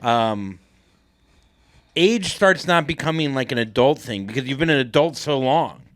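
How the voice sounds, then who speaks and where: A laid-back man co-hosts a podcast, laughing often and cursing casually as he chats. His pitch swings widely up and down as he talks. His voice sits at a medium pitch for a man. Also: lively intonation, moderate pace, a bit bright, no echo, clean studio sound. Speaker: podcast co-host. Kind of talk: casual chat.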